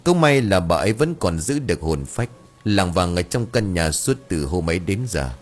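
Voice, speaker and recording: A man voicing a calm, firm female exorcist in a Vietnamese ghost audiobook. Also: low-pitched. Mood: stern. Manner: stern, measured. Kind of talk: audiobook character voice.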